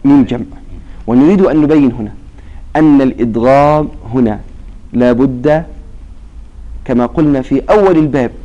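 A man teaching recitation rules in a lesson. He prompts his students with half-finished questions and stretches out example words slowly. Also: medium pitch, mellow, lo-fi sound.

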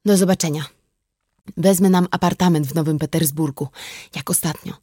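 A woman reading the part of a tough, composed young woman who speaks calmly and bluntly with a dry wit, in an audiobook. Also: low-pitched, moderate pace, husky, dry recording. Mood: wry. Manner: calm, blunt, wry.

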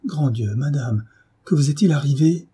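A man's voice: medium pitch, moderate pace, dark tone, slightly rough, pitched above the performer's own voice. A man voicing a panicked female servant, fretful and pleading, in a storybook reading. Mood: alarmed.

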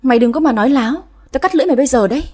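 A woman playing a shrill scheming young wife. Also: lively intonation, racing, darkish tone, slightly rough. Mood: frantic. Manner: shrieking, frantic, accusing.

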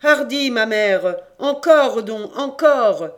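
An audiobook reader voicing a dead young man risen from his grave, who speaks in a loud, urgent and commanding voice. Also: mid-range voice, lively intonation, a little slow, natural voice. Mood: urgent crying out.

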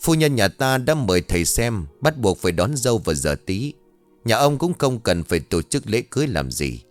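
A man's voice: fairly low pitch, very animated, moderate pace, soft background music. A man voicing a sly, menacing male steward of a rich clan who talks down to people with cold threats. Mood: haughty.

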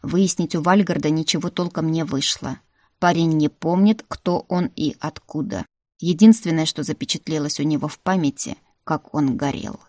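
Brief: a woman reading as a composed older-brother rector, deep, measured, dry-spoken, storybook reading. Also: dark tone, no echo. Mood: calm. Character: calm male rector, the heroine's older brother.

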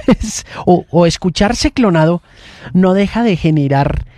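A man's voice: high voice, expressive, measured pace, dark tone, dry recording. A man hosting a morning radio show, musing aloud in long thoughtful runs with restarts. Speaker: radio host. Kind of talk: casual morning radio chat. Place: radio studio.

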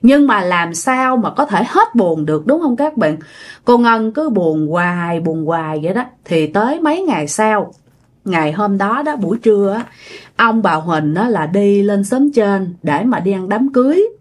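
A woman's voice: mid-range voice, very animated, normal speed. A woman telling a ghost story in a chatty way, often addressing her listeners directly. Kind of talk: casual ghost-story narration.

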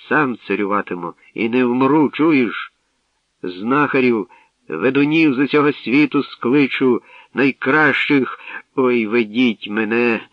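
A man voicing an aging, ailing tsar who shouts and groans in anger. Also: mid-range voice, dry recording, pitched above the performer's own voice, natural voice. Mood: stubborn. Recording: dull dry studio recording.

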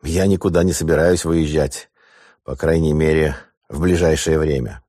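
A man's voice: rumbling low, fairly even intonation, moderate pace, mellow, no room sound, studio quality. A man voicing a proud older tsarist general who speaks in a stiff, dignified way, in an audiobook. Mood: guarded.

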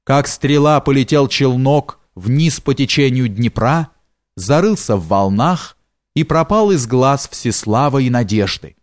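A man narrating a historical novel in a measured, dramatic way. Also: medium pitch, expressive, dry recording, clean studio sound. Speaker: audiobook narrator. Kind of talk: scripted literary narration.

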